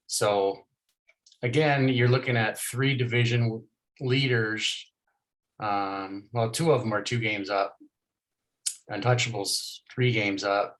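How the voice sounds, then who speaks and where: A man co-hosting a casual fantasy football podcast, rattling off division standings and records in quick bursts. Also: lowish voice, fairly bright tone, poor audio. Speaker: fantasy football league co-host.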